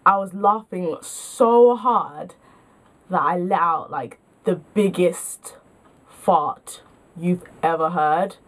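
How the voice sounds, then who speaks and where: A woman's voice: lowish voice, slow. Chatty young woman vlogging. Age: young adult. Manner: chatty, self-mocking, many filler likes. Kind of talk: casual storytelling to camera.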